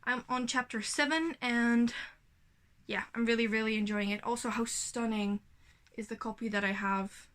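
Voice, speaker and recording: Speaking with a fairly high, somewhat bright voice at a moderate pace, a young woman in her twenties keeps her intonation fairly even. She's a Dutch-native book vlogger sharing a chatty, gushing update on her reading from home, self-correcting along the way.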